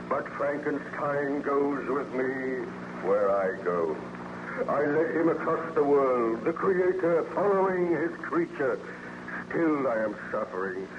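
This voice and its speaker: An actor playing a wounded, remorseful monster in declamatory, formal 1930s radio style, bitter and grieving for his creator. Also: medium pitch. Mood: solemn, resolved. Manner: declamatory, anguished, archaic formal speech. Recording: noisy, muffled old-time radio recording.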